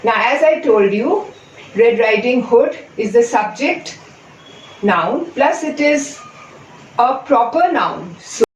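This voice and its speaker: A woman's voice: fairly high pitch, expressive, takes it slowly, slight background noise. A woman teaching an English lesson, patiently explaining and repeating examples step by step. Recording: echoey room from far off.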